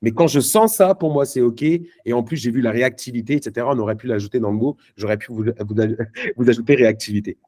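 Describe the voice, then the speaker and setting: A man's voice: mid-range voice, quick pace, dark tone. A man giving a live motivational talk at a network marketing event, punchy and emphatic, speaking casually to the crowd. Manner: many fillers and restarts, casual slang.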